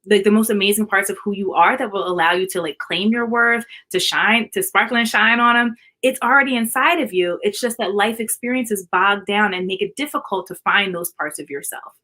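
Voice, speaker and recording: A woman's voice: medium pitch, brisk, hardly any pauses, sharp tone. A woman speaking as an art therapist guest in a casual live-stream chat, explaining earnestly and repeating key points for emphasis.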